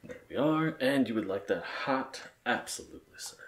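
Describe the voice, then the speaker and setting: A man's voice: mid-range voice, animated, normal speed, echoey room, a little hiss or hum. A man doing ASMR role-play game commentary as a bartender, with polite, attentive customer-service patter. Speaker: ASMR gamer playing a bartender.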